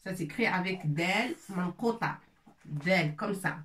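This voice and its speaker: A woman teaching a language lesson slowly and patiently, repeating words and spelling out each sound. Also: on the low side, a bit bright, roomy sound, recorded from a distance. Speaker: Arabic teacher.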